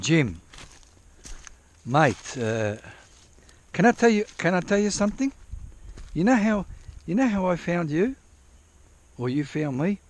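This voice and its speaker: A man's voice: fairly high pitch, creaky. Rambling, swearing Australian man. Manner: rambling, repeats himself, swears freely. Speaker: vlogger. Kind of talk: casual rambling chat to camera.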